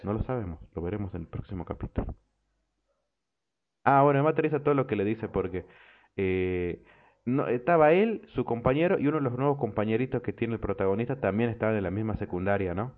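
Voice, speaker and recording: A man hosting a show, retelling anime episodes in an animated, profane, casual way. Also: on the low side, fairly quick. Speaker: radio show host. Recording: tinny phone-like line.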